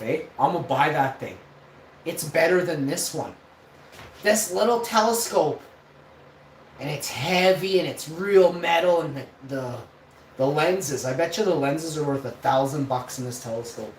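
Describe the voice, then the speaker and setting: A man's voice: on the high side, normal speed. A man in his forties telling a rambling, profane story in a casual vlog. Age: 40s. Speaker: vlogger host. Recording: roomy, distant mic, faint noise.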